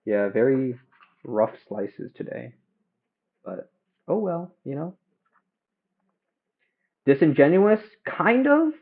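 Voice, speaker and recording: A man's voice: medium pitch, very animated. Young man on a tinny headphone mic. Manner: hesitant, halting, self-questioning. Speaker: livestreamer cooking at home. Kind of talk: casual rambling chat while cooking. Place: home kitchen. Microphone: headphones used as a phone mic. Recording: phone-like, headphone mic livestream.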